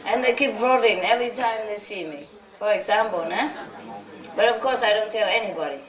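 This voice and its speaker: A woman's voice: medium pitch, fairly quick, crowd noise. A woman from Vietnam, a spiritual teacher, giving an informal lecture and telling stories in a chatty way with many "you know?" asides. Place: large hall with an audience. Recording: echoey hall from a distance with audience.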